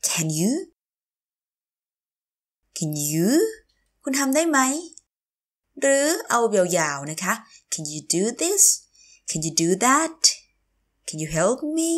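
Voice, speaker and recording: A woman teacher drilling English phrases slowly, saying each word on its own with careful pronunciation and then explaining them. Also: medium pitch. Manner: slow, careful, exaggerated pronunciation. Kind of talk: slow language drill, repeating phrases word by word.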